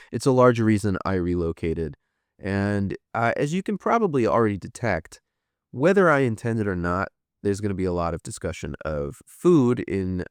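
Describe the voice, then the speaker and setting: A man's voice: on the low side, clear, resonant tone, no room sound, studio quality. A man in his thirties from the United States hosting a podcast, chatting casually and rambling, swearing offhand as he reads out viewer comments. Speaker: podcast host. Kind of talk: casual livestream chat reading viewer comments.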